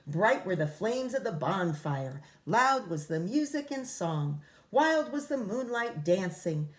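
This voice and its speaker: Speaking at a medium pitch and a slow pace, a woman teacher reads a rhyming picture book to children. She reads expressively and drops in casual explanatory asides.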